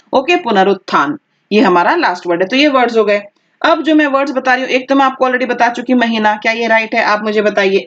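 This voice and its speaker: A woman teaching an online exam-prep lesson, carefully dictating words and explaining their spelling, often pausing with "okay". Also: a little high, highs cut off. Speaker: Hindi teacher.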